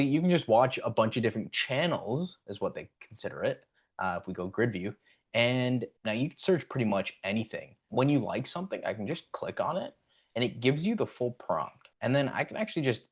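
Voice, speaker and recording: Relaxed low-voiced tutorial host man. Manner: relaxed, with frequent fillers. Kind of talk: casual screen-recording tutorial.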